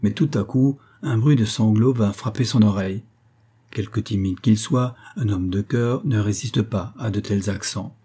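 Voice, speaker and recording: A man reads a classic novel aloud in a measured, literary way. His voice sits low and mellow with a husky grain, and he paces the story steadily. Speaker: audiobook narrator. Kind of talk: scripted narration of a classic novel.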